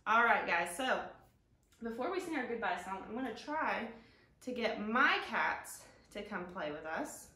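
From a living room couch, a woman in her thirties hosts a library storytime for young viewers, speaking gently in a sing-song, drawn-out way. Her mid-range voice is expressive, and because the camera sits a few feet away, the sound has a roomy echo.

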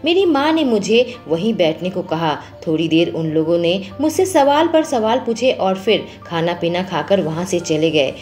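Expressive woman narrating a first-person story. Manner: expressive, voices quoted lines with lifted pitch.

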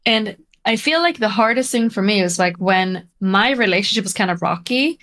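A woman's voice: medium pitch, expressive, moderate pace, a bit bright. A woman from Europe hosting a podcast, chatting casually, laughing often and quoting people. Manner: laughing, chatty, quotes people in mock voices. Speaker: podcast host. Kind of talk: casual chat.

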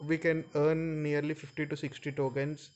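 A man's voice: a little high, little pitch movement, moderate pace, a little mellow, dull audio. A man with an Indian accent hosting an informal screen-share tutorial, explaining step by step and often addressing his viewers directly. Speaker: video host.

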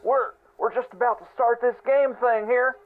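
High-voiced man over a landline phone. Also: fairly even intonation, normal speed. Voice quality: exclaiming, stammering restarts. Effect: heard over a landline phone as a played voicemail. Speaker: caller leaving a voicemail. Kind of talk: excited play-by-play rambling. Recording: tinny phone line with faint hiss.

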